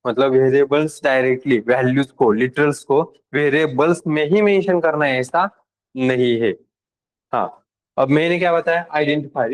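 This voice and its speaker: A man's voice: fairly high pitch, low-quality recording. A man teaching a live programming class, talking casually and directly to his students. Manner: casual and direct with students, switching between Hindi and English terms. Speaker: programming instructor.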